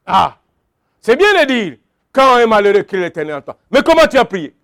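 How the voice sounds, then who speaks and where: High-voiced emphatic male preacher. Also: sing-song, moderate pace, fairly bright tone, no echo, studio quality. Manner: emphatic, repeats phrases, calls out to the congregation. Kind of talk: sermon.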